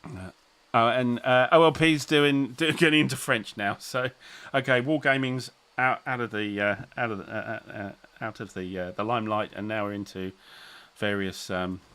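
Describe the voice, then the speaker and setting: A man's voice: medium pitch, steady tone, normal speed, fairly bright tone, smooth. A middle-aged man, hosting a casual livestream chat, rambling and restarting sentences with chuckles. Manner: rambling, self-interrupting, chuckling. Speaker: channel host.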